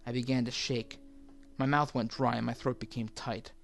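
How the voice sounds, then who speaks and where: A man's voice: mid-range voice, flat delivery, normal speed, creaky. Man narrating a somber horror story. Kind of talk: first-person scripted horror narration. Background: faint background music.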